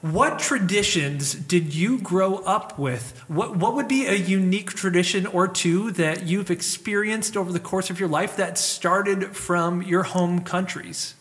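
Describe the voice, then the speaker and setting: A man's voice: high voice, unhurried, hardly any pauses, fairly bright tone, breathy edge. A man who is a pastor, hosting a church conversation show in a welcoming, upbeat way. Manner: upbeat, welcoming host patter. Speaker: pastor and host. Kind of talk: hosted church talk show.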